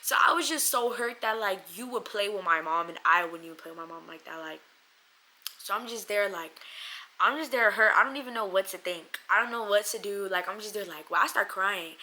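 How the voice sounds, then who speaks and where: A woman telling a casual storytime vlog into her phone camera, animated and slangy, swearing freely and acting out what people said. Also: medium pitch, brisk. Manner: animated, slangy, swears a lot, acts out quotes. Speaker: storyteller vlogger.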